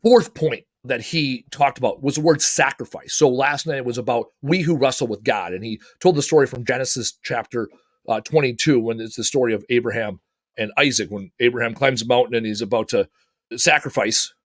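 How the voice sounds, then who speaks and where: A man hosting a show and talking casually. He tells stories bluntly, swears freely and gets animated. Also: medium pitch, brisk, no room sound, studio quality. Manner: blunt, profane, animated storytelling. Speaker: podcast host and author. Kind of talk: casual motivational talk.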